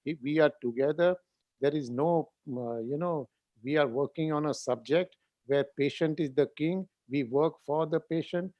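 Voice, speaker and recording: A senior neurosurgeon, insistent and lecturing in a heated panel discussion, repeating phrases for emphasis. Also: male voice, on the high side, normal speed, no room sound, lo-fi sound.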